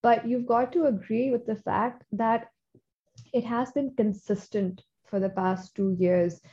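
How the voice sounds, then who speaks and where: A woman's voice: fairly high pitch, fairly even intonation, unhurried, warm tone. A woman with a Pakistani accent in a conversational discussion, speaking English with the odd Hindi-Urdu word. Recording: dull, lo-fi audio.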